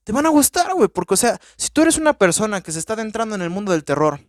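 A man with a Mexican accent hosting a podcast, rambling through a casual, profane, excitable movie-review monologue. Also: sits high, fast talker, no echo, studio quality. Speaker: podcast host.

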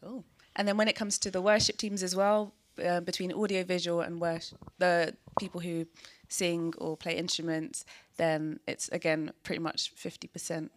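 A woman's voice: fairly low pitch, level tone, moderate pace. A woman with a south London accent giving an informal, chatty spoken presentation. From south London, England. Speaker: church team member co-presenting a talk.

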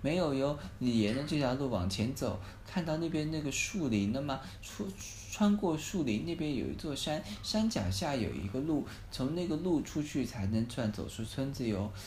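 A man's voice: mid-range voice, lively intonation, darkish tone, voice pushed up, lightly acted. A man doing a kind old village grandpa. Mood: kindly. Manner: patient, drawn-out explaining. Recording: echoey phone recording, faint hiss.

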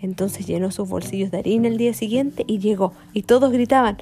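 A woman telling a children's story in an animated way, jumping into character voices. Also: mid-range voice, a little fast.

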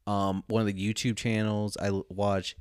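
Low-voiced young man, mixed accent. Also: flat delivery, moderate pace, clear, resonant tone, dry recording, studio quality. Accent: mixed, word-dependent accent. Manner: swearing, laid-back, rambling with restarts. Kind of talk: casual chat.

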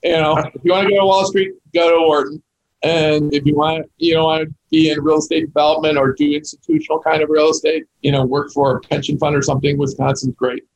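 A middle-aged or older man chatting casually as an interview guest, with a gravelly, raspy voice. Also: on the high side, flat delivery, quick pace, poor audio. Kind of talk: casual chat.

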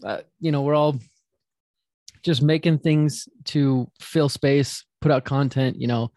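A man hosting a podcast, asking thoughtful, halting questions in casual talk. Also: mid-range voice, steady tone, darkish tone, dry recording. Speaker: podcast host. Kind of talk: casual interview.

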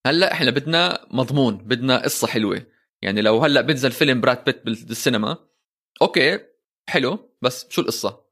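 A man's voice: medium pitch, lively intonation, fast, fairly bright tone. A man with a Levantine Arabic accent chatting casually about films as a co-host, mixing English phrases into his Arabic. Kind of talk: casual film discussion.

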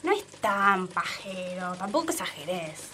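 A woman's voice: lowish voice, sing-song, a little slow, sharp tone, slight background noise, heavily acted. A woman with an Argentine Spanish accent playing a young pregnant factory worker, polite and pleading with her boss in a comic audio sketch. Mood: anxious. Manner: polite and pleading with bosses, blunt with friends.

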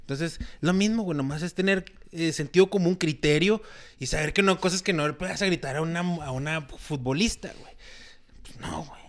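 A man's voice: a little high, a little fast. A man with a Mexican accent in a casual soccer chat, joking and slangy. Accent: Mexican Spanish. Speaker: podcast co-host.

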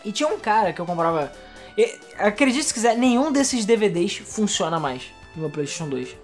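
A woman's voice: mid-range voice, brisk, soft background music. A young adult woman with a Rio de Janeiro accent, co-hosting a casual podcast and telling stories animatedly, acting out both sides of a conversation. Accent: Rio de Janeiro Portuguese. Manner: animated storytelling, acts out quoted exchanges. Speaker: podcast co-host.

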